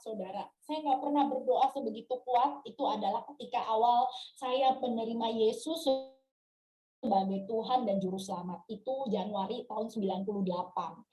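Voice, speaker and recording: Middle-aged woman pastor, high mellow voice, emotional testimony preaching in an echoey room. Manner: emotional storytelling, addressing listeners as "saudara". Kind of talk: sermon testimony.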